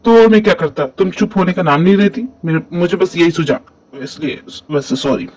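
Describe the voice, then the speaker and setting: A man voicing a caring young man in an amateur fan dub, gentle and reassuring. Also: high-pitched, fairly quick, a crowd in the background, lightly acted, poor audio. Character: caring young man beside his recovered love.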